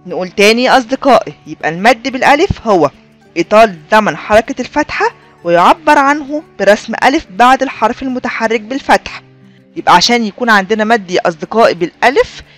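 A woman with an Egyptian Arabic accent teaching a children's reading lesson, repeating key points and slowly drawing out example words. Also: fairly high pitch, expressive, soft background music. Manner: drawn-out sounding of example words; repeats and addresses learners as friends.

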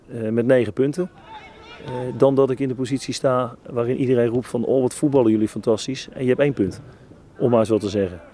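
A man speaking as a football coach in an interview, measured, analytical and frank. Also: medium pitch, dark tone, a little hiss or hum. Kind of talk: post-match interview.

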